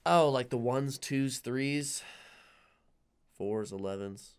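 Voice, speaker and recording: A young man, a podcast co-host, talking in a casual, jokey chat that swings between loud and quiet. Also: medium pitch, takes it slowly, smooth.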